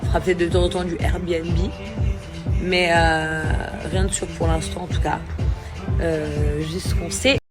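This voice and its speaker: A speaker talks casually and hesitantly, with many fillers and pauses, at a middle pitch. Very loud music nearly covers the voice. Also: little pitch movement. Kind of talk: casual social media talk. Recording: speech under very loud music.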